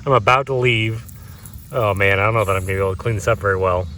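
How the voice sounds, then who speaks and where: A fairly low-pitched man in his thirties talks quickly in a bright, forceful tone, narrating a casual vlog about treasure hunting with a metal detector. Marveling at his finds and addressing viewers, he records outdoors amid grass and trees, with insect and vehicle noise.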